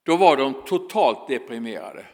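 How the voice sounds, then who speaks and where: A man giving a storytelling talk to an audience, quoting people in lively dialogue. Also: mid-range voice. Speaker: speaker addressing an audience. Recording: long hall reverb.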